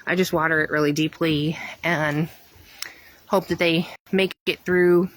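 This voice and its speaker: Woman vlogger, slightly low voice, slightly breathless, rambles with plenty of ums while she walks her garden. Outdoors, phone mic. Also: steady tone, a little slow, no echo. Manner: rambling, many ums, chatty. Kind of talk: casual garden tour chat.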